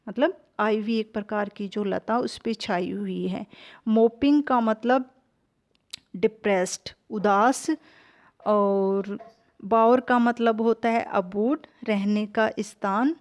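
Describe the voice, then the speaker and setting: Woman teacher going slow through a poem, kinda high voice, lots of ums. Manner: slow, hesitant explaining with fillers, mixing English terms into Hindi. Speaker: English literature teacher. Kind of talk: explaining a poem in a lesson.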